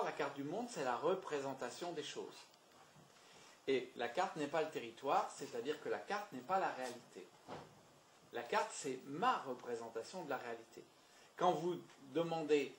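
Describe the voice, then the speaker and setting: Un homme formateur qui anime une séance sur la communication devant un public, en parlant de façon animée et insistante, avec des mots répétés. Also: male voice, fairly high pitch, echoey room, a little hiss or hum. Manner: lively, repeats words, emphatic. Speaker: trainer. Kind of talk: communication training talk. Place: meeting room with audience.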